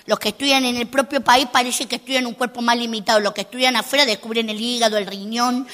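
Brief: woman comic as a sassy little girl, high, bright, indignant asides. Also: fairly even intonation, fast talker. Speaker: stand-up comic in character. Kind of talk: comic monologue.

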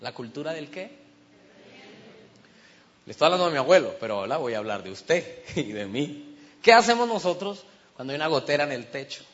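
A man's voice: fairly high pitch, sing-song, fairly quick, pauses often, fairly bright tone. A man from Colombia, preaching a sermon as humorous storytelling and asking the congregation questions. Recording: dull sound with long hall reverb.

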